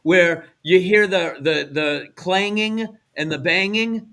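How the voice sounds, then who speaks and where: Co-hosting a radio show, an American man who is middle-aged or older explains things in a conversational way, regularly checking in with the listener by saying "right?" His voice sits high and sounds bright and forceful, and he speaks slowly.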